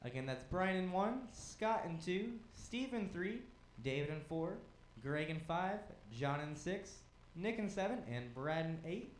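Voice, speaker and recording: A man runs the race from the stand, rattling off positions, gaps and caution calls in clipped, matter-of-fact commands. His voice sits high for a man. It rings out with a lot of echo around it. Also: expressive, measured pace, slight background noise. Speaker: race director. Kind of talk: live race calling over a PA.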